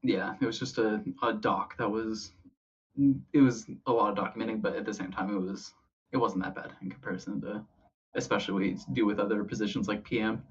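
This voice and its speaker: Husky man, muffled and distant. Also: on the low side, fairly even intonation, a little fast. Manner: hesitant, rambling, informal. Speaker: interview guest, hobby club officer. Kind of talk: casual conversational interview.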